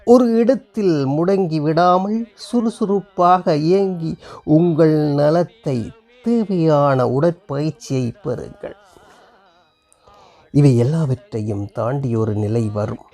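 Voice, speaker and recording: A man narrating a reflective piece in a slow, heartfelt way, his voice breaking at times. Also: on the high side, warm tone. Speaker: host reading a story.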